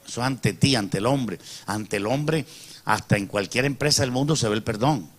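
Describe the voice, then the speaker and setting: A man's voice: medium pitch, normal speed. Emphatic male pastor preaching. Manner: emphatic, calls out "amen" and rhetorical questions to the congregation; swings between soft asides and loud emphatic peaks. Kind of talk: preaching a sermon.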